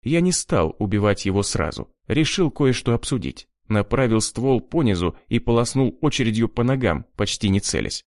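A man's voice: mid-range voice, big pitch swings, normal speed, few pauses, a little mellow, dry recording, studio quality. A man reading an audiobook in a grim, cold first-person voice. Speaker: audiobook narrator. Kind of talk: scripted narration.

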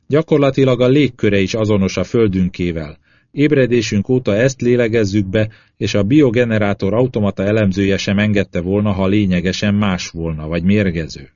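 A man's voice: fairly low pitch, a little mellow, no echo, lightly acted. Man reading as an earnest astronaut. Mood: explaining. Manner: earnest, explaining. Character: earnest male astronaut explaining the planet. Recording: slightly dull lo-fi audio.

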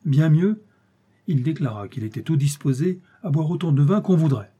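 Male audiobook narrator, steady, expressive, mellow, husky. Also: fairly high pitch, moderate pace. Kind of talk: dramatic audiobook reading.

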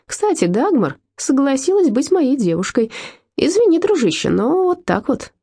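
A woman's voice: high voice, big pitch swings, moderate pace, dark tone, voice pushed up. A woman voicing a hot-tempered, reckless teenage boy who talks boastfully and angrily, in a storybook reading. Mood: smug. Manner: boastful and angry.

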